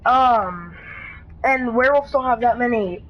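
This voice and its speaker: A woman casually talking through a game on a live stream, rambling and halting, with frequent restarts. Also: on the high side. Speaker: gaming streamer. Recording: dull lo-fi stream audio with faint noise.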